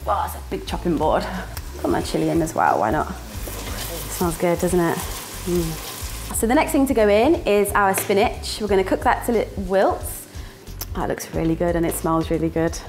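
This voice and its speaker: Faint music drifts behind a young woman's lowish, slightly mellow voice as she cooks in a small indoor kitchen. A student presenter with a northern English accent, she speaks expressively at a moderate pace, chatting playfully, laughing often and making little sound words.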